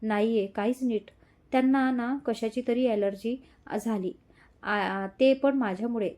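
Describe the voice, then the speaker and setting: A distraught young woman begs through tears in a storybook audio drama, voiced by a woman narrator. Her voice sits fairly high, with a soft, mellow tone. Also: fairly even intonation, measured pace, lightly acted. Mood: tearful pleading. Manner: tearful, pleading.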